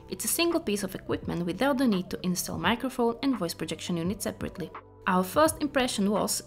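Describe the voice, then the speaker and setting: A woman narrating a product review in a scripted, explanatory style. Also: medium pitch.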